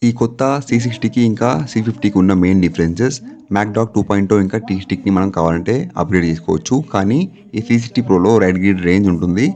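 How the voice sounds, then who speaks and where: A vlogger from India with a Telugu accent narrates a product review, speaking directly and slipping English terms into his talk. His voice sits low with a dark tone, and he races along.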